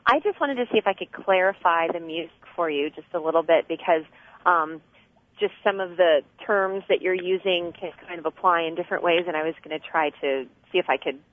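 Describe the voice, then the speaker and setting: A woman calls into a radio show from her car, earnestly explaining things with fillers and restarts. Her voice is on the low side and brisk, coming through a clipped, tinny, dry phone line with no echo.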